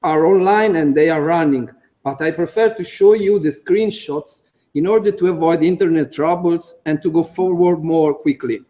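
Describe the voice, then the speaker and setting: An Italian computer engineer reads a conference talk from his notes in a conference room. He is careful and halting, with frequent "uh" fillers and small slips. His voice is a little high, with a dark tone.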